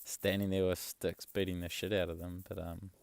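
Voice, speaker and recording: Young man, very deep voice, gravelly, casual rambling vlog chat, dry close sound. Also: moderate pace, no room sound. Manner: relaxed, rambling, swears casually. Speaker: travel vlogger.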